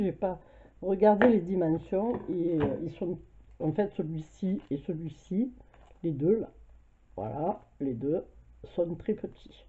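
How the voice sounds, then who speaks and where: A woman's voice: lowish voice, husky. Chatty French woman with a cold. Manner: chatty, hesitant, many fillers. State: has a cold, coughing. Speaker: craft vlogger. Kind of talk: casual haul video. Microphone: camera mic at home. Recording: tinny phone-like sound.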